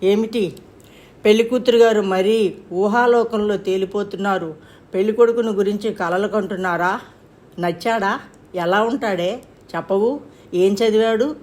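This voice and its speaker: A woman's voice: medium pitch, unhurried, pauses often, a little mellow, natural voice. A woman voicing a teasing young friend. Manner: teasing, chatty.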